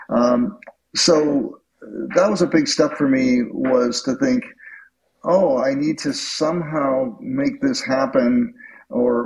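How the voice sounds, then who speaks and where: A man's voice: medium pitch, darkish tone, low-quality recording. A man in his fifties, a guest in an interview, speaking reflectively with frequent ums and restarts before landing emphatic points. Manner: hesitant, many ums and restarts, then emphatic. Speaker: author and guest. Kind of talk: conversational interview.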